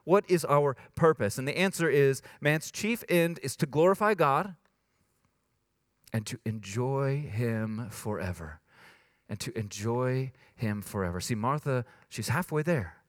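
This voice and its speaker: A man giving a sermon. He drops low and hushed, then rises to high emphatic lines, and puts on a whiny voice to quote complaints. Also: expressive, a little slow, no echo, clean studio sound. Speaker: pastor.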